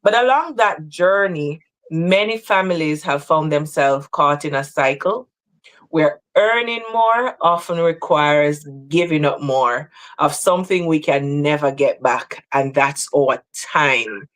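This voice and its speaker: A woman from Jamaica hosting a livestream talk, speaking in an earnest, measured way. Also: low-pitched, fairly bright tone. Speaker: host.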